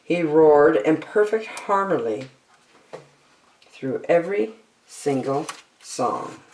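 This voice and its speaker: A woman with a lowish voice gives a storytime read-aloud of a children's picture book, theatrical and unhurried with very lively intonation and deliberate phrasing. She's recorded from a distance in a roomy, echoey space.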